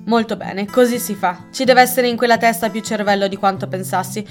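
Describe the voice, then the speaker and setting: A woman reading aloud and voicing a stiff, indignant elderly English colonel with a gruff, pompous manner. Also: on the high side, steady tone, brisk, faint music behind, close to an everyday voice.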